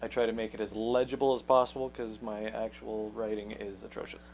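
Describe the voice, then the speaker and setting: A man's voice: fairly low pitch, level tone, brisk, gravelly, a little mellow, slight background noise, low-quality recording. A man with a dry, joking manner, co-hosting and reading out viewer questions.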